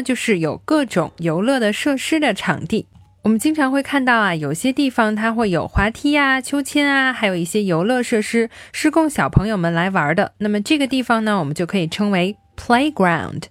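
A woman teaching young children simple English phrases, explaining words and repeating them slowly for practice. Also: on the high side, no room sound. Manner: slow, drilled repetition of English words.

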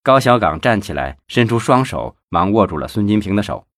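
Low-pitched guy reading a novel, steady pace, dry close sound. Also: fairly quick, dry recording. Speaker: audiobook narrator. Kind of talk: audiobook narration.

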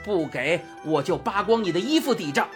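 A woman voicing a rude, bullying male cart driver who talks gruffly and scornfully. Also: on the low side, lively intonation, moderate pace, soft background music, natural voice. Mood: rough, scornful.

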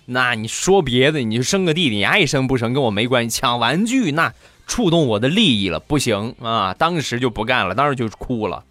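A man in his thirties telling comic stories about his life and family, lively and given to putting on squeaky voices for other people. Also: brisk, no echo, faint music behind. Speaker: comedy storyteller host. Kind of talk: comic storytelling monologue.

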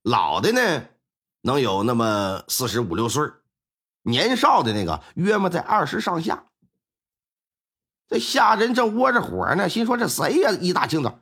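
A male storyteller, telling a folk crime tale in a colloquial, lively way. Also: on the high side, a little slow, pauses often, slightly rough. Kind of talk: storytelling performance.

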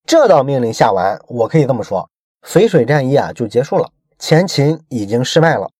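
A man's voice: mid-range voice, very animated, brisk, a little mellow, breathy edge, dry recording, clean studio sound. A man explaining a book in a chatty storytelling way, with many rhetorical questions to the listener. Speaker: book commentator.

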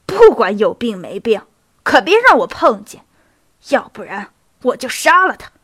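A woman reading a hot-tempered male hussar officer, loud and shouting. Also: a little high, big pitch swings, a little slow, no room sound, clean studio sound, heavily acted. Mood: fierce.

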